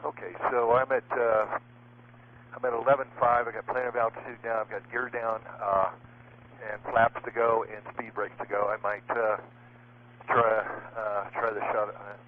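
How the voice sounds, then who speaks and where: A man talks as a pilot over the radio, calling air traffic control alone during an emergency. His speech halts and restarts, full of fillers. The transmission is thin and tinny, and his pitch sits in an ordinary middle range. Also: flat delivery. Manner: hesitant, halting, with many fillers. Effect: pilot heard over an air traffic radio.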